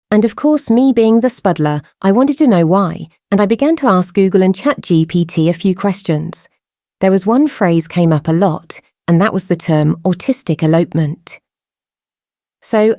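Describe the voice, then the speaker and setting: Host, woman, voice-changer processed, mellow tone, dry close sound, measured scripted delivery. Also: mid-range voice, no echo. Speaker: true crime channel host. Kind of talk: scripted commentary.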